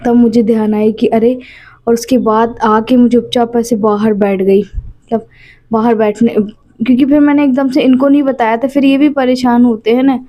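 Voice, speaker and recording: A woman's voice: fairly high pitch, fairly even intonation, normal speed, warm tone, dry recording. A woman in her late twenties, chatting casually in a home vlog and telling her story at length with small repeats. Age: 20s. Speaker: vlogger and mother.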